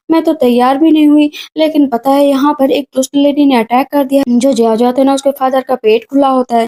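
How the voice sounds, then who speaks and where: A woman narrating a drama recap, quickly retelling the plot and voicing the characters' lines in quotes. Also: high-pitched, dark tone.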